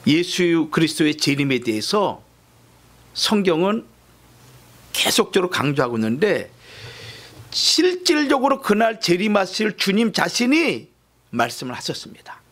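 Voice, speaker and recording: A male pastor preaching a sermon with emphatic, dramatic swings in loudness, explaining scripture in plain everyday terms. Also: high-pitched, big pitch swings, a little slow, pauses often.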